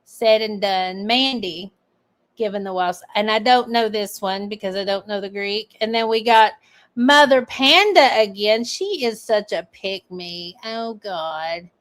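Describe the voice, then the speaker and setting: A woman's voice: mid-range voice, lively intonation, measured pace, a bit bright. A woman giving casual, sarcastic reaction commentary full of swearing, reading comments aloud as she goes. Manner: profane and sarcastic. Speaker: online commentator.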